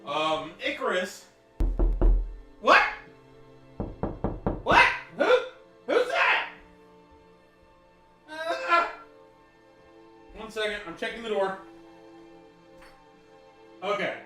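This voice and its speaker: A man's voice: high voice, takes it slowly, pauses often, over music. A man streaming live, chatting casually and jokily with viewers and greeting them by name. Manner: animated, jokey, greets chat members by name.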